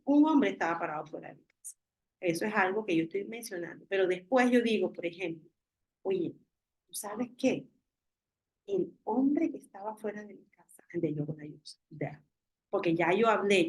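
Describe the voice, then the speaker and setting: This woman teacher has a husky, mid-range voice, and the recording quality is low. She walks her video-call class through English grammar one example after another, patiently, mixing Spanish with English.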